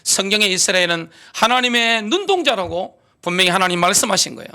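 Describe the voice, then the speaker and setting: Middle-aged pastor w gyeongsang accent preaching hard, gravelly edge, bright forceful voice, keeps asking the crowd questions. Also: male voice, high voice, lively intonation, fast. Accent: Gyeongsang Korean. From Gyeongsang region, South Korea. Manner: emphatic preaching with rhetorical questions. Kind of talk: sermon.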